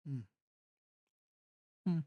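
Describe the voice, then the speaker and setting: A man's voice: drawn-out words, narrow, tinny audio. A man casually thinking aloud as he reviews hot sauces, rambling with lots of fillers and restarts. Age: adult parent.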